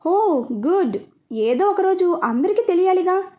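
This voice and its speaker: An arrogant, hot-tempered young fashion designer, as a woman puts her on in an audio storybook. She snaps orders in a scornful, bossy way. The voice is high and soft-edged. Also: animated, unhurried. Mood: angry, bossy.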